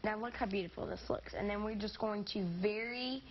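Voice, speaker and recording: On a studio kitchen set, a teenage girl presenting a kids' cooking segment walks through a demonstration in a brisk, upbeat way, now and then losing track of her words. Her pitch is medium and her intonation fairly even. The television audio sounds slightly dull and has faint noise.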